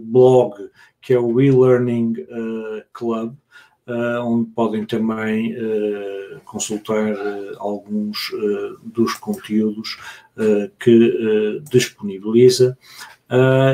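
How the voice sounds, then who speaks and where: Slow, flat-voiced male live-stream host. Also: medium pitch. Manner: halting, with many filler sounds. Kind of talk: hosting a live online talk.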